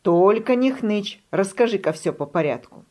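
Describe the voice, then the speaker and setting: A fussy, sensible forest hare, played by a woman reading the tale, talks briskly and scolds. Its lively voice rises a little above a plain speaking voice. It is the impatient grown-up of a children's storybook. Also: mid-range voice, lightly acted. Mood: scolding.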